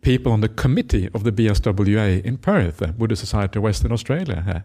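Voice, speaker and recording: A man's voice: lowish voice, animated, fast talker. A middle-aged man from Norway, a Buddhist monk giving a reflective Dhamma talk, often ending his points with a questioning "eh?". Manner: reflective, tags lines with a questioning "eh?"; gentle laughter, hesitant fillers.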